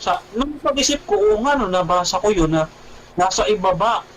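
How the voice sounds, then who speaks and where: High-voiced man, animated radio guest telling his testimony, addresses the host as "bro". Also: moderate pace, a little hiss or hum, poor audio. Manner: animated, keeps calling the host "bro", repeats himself.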